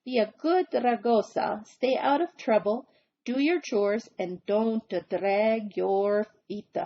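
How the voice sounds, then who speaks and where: A woman's voice: fairly high pitch, slow pace, highs cut off, slight background noise. A woman voicing a stern old village witch who gives firm instructions.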